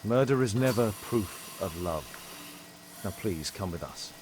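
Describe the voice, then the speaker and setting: A man's voice: lowish voice, lively intonation, unhurried, background noise. An actor playing Sherlock Holmes, a stern detective and frantic father, with a British accent and an intense, clipped delivery. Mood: cold, stern. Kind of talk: dramatic video game acting.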